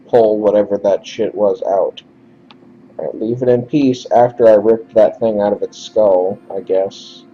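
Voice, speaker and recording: A man's voice: on the low side, mellow. A man narrating a game he plays, reading its text with sarcastic, offhand asides, in a dull lo-fi recording with faint hiss. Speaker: let's play narrator. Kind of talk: casual game commentary and reading.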